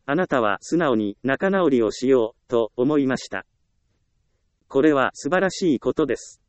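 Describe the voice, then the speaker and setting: A man reads scripted self-help narration with a smooth, clear and resonant voice at a middle pitch. The sound is close and dry. His delivery stays steady, gentle and reassuring. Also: no echo.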